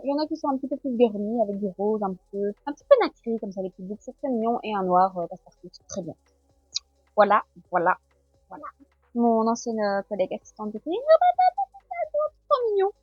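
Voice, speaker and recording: Lively, chatty French woman vlogging. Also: mid-range voice, quick pace, slightly rough, no echo, dull audio, faint music behind. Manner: chatty, unboxing gifts aloud. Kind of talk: casual vlog chat.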